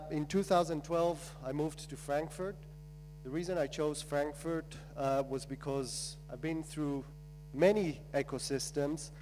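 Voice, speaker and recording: A man's voice: a little high, a little mellow, poor audio. A man from Israel talks from a conference stage in a slightly raised voice. His delivery is loose and conversational, full of filler sounds. A faint mains hum sits under the recording. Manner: loose and chatty, many fillers. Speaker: accelerator founder. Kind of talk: conference talk.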